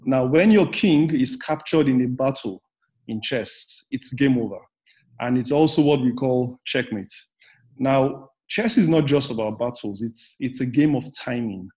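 A man's voice: medium pitch, unhurried, a little mellow. A male researcher guesting on a podcast, speaking thoughtfully with frequent ums and you-knows. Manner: thoughtful, hesitant with fillers. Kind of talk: podcast interview.

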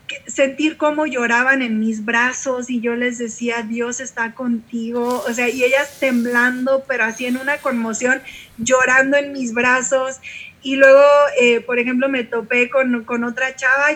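A woman's voice: sits high, steady tone, normal speed, bright, forceful tone. A woman with a Mexican accent, a pastor and singer, telling stories in an interview with vivid quoted dialogue. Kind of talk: conversational storytelling interview.

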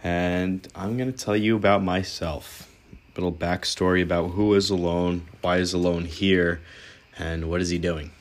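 A young man with a deep, low voice hosts his own podcast and tells his life story straight to the listener. He speaks earnestly and candidly, now and then restarting a word. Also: steady tone, moderate pace. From born in Israel, raised in New York. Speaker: podcast host. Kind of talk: personal storytelling monologue.

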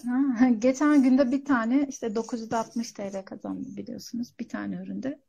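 Mellow, higher-pitched woman, slightly muffled sound. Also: steady tone, normal speed, gravelly, slightly rough. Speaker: coaching student, online seller. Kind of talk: casual question-and-answer chat.

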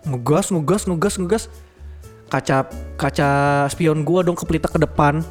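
A young man chats on a podcast in a high, bright-sitting voice. He tells his stories in animated, slangy bursts and laughs often. Faint music plays underneath. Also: normal speed. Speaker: podcast co-host. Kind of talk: casual chat.

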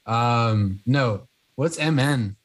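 A young man in casual podcast chat, slow and hesitant, reading facts aloud with pauses. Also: medium pitch. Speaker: podcast co-host.

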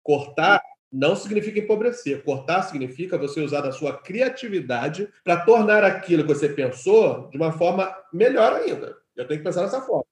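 A man with a Brazilian Portuguese accent, a film director and teacher, talking in an animated storytelling way and acting out the lines people said to him. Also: high voice, fairly quick, reverberant. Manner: animated storytelling, acts out quoted dialogue. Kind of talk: conversational interview.

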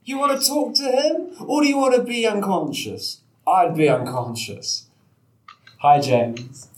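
Man, tabletop player, chatty, fairly high voice, echoey room. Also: unhurried. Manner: chatty, laughing. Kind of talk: casual tabletop game chat. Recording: roomy echo.

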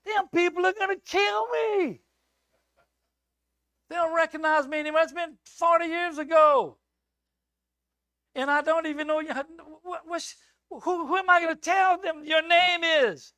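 A preacher putting on a panicky, high-voiced Moses. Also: male voice, steady tone, sharp tone, dry recording, exaggerated voice. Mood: panicked. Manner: high, rushed, pleading. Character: anxious, protesting older man, Moses.

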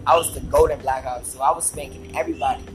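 A man's voice: mid-range voice, steady tone, fast, slight background noise. A young man hosting a podcast in casual slangy chat, boastful and playful. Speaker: podcast host. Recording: echoey, music behind the voice.

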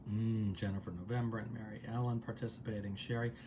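A man hosting a guided gratitude practice on a livestream from his office, calm and unhurried, repeating words in a soft, low voice. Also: background noise. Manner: calm, drawn-out repetitions dropping soft and low. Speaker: meditation host.

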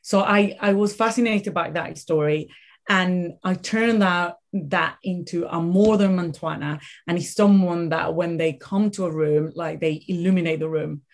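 Female interview guest, Venezuelan accent, slightly low pitch, emphatic conversational storyteller. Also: steady tone, unhurried, gravelly. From Caracas, Venezuela. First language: Spanish.

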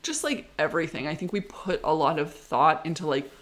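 A podcast co-host chatting casually, enthusiastic and quick to laugh. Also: mid-range voice, animated, a bit bright. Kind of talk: casual chat.

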